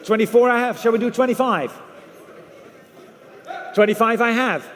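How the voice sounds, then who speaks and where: A man's voice: extremely high pitch, normal speed, a bit bright, slight background noise. A man working as an auctioneer, calling bids live and repeating numbers over and over. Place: large auction room. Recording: echoey hall through PA.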